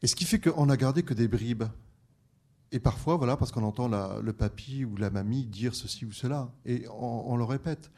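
A man who teaches French and is bilingual in French and Arabic speaks on a discussion panel, hesitating and restarting often amid plenty of fillers. His voice is warm and mid-range, delivered at normal speed.

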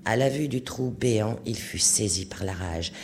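A man narrating a story in an audiobook reading, expressive and steady. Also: fairly low pitch, normal speed, slight background noise.

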